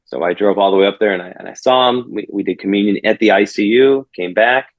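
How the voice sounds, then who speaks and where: Male pastor guest, earnest reflective storyteller, lowish voice, slightly dull lo-fi sound. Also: fast. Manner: earnest and reflective, often restarting phrases. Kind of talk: conversational storytelling.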